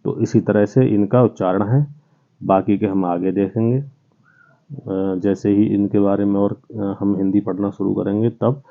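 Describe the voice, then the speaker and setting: Slow, low-voiced man teaching on a tinny line. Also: steady tone, gravelly. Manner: slow, patient, spells out sounds one by one. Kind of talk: online lesson for children. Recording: tinny phone-like sound.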